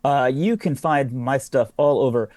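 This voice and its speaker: A man's voice: mid-range voice, a little slow, darkish tone, dry recording, clean studio sound. A man talking casually as a guest on a podcast. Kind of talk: casual chat.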